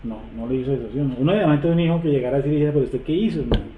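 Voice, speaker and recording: A man's voice: medium pitch, a little hiss or hum. Man teaching a Bible study group. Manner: asks the group questions, repeats verses slowly. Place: room with a seated group. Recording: echoey room over a tinny phone-like line.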